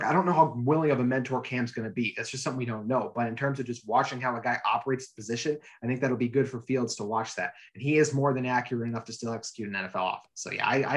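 A man hosting a casual podcast chat, energetic and emphatic as he leads the talk. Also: medium pitch. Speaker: podcast host.

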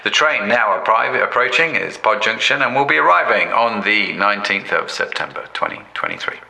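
A man's voice: on the low side, lively intonation, fairly quick, creaky, bright, forceful tone, echoey room, recorded from a distance, full character voice, low-quality recording. A man, a podcast host, putting on a mock train station announcement in a playful, formal way. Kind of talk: casual podcast chat.

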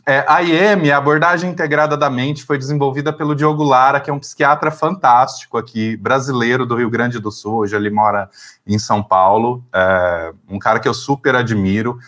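Um homem terapeuta com sotaque brasileiro, explicando conceitos com calma numa entrevista, com algumas hesitações. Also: male voice, medium pitch, moderate pace. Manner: calm, explanatory, with hesitations. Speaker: therapist, psychodrama guest. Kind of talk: explanatory interview talk.

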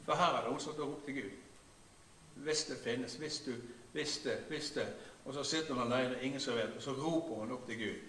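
A man, preaching a sermon in a conversational way, with frequent hesitations and often sinking into a quiet, low voice. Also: reverberant, distant mic, slight background noise. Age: 60s. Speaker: pastor.

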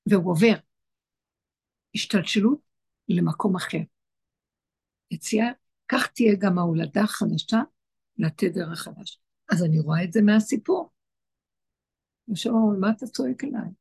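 A woman's voice: medium pitch, long pauses, a little mellow, husky. A woman giving an impassioned spiritual teaching to a group, repeating her phrases for emphasis. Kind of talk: Torah teaching to an online group.

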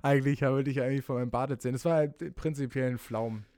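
A young man rambles through casual chat in a relaxed way and laughs easily. His voice is mid-pitched. The sound is dry and close to the mic. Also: fast, no room sound. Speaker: podcast co-host.

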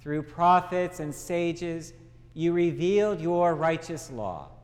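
A man leading a church liturgy as priest, reciting prayer in a measured, reverent way with pauses between short phrases, in cathedral-like echo. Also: fairly high pitch, lively intonation. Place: large reverberant church, indoors.

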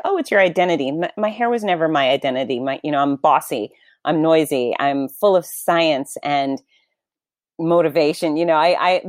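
A middle-aged woman who works as a race announcer candidly shares a personal story during an interview, with lively, self-deprecating emphasis. Her voice is deep, and the recording is clean studio sound with no room echo.

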